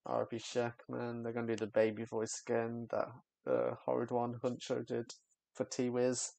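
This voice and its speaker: A man's voice: medium pitch, completely flat delivery, moderate pace, creaky, darkish tone, no room sound. A young man giving casual, candid reaction commentary on a music video, rambling and trailing off with fillers.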